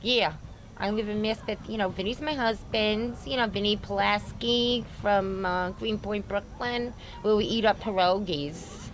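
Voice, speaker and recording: A woman's voice: medium pitch, a little slow, a little hiss or hum, natural voice, poor audio. A woman playing a chatty Queens housewife. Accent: Queens, New York, put on. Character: Queens housewife married to a Polish-American.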